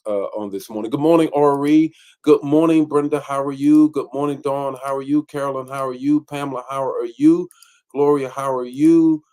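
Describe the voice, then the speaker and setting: A man's voice: medium pitch, a little mellow. A man hosting an online morning teaching as bishop, greeting viewers by name and talking with many fillers.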